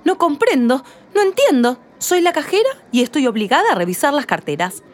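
A woman's voice: high-pitched, very animated, a little fast. A woman voicing a fussy, rule-bound cashier in a read-aloud play, insistent and easily flustered. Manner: insistent, grows exasperated and fussy.

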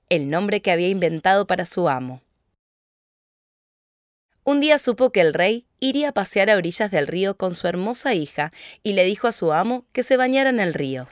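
A woman narrating a children's fairy tale in a steady, clear telling. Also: mid-range voice, no room sound, studio quality. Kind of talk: storybook narration.

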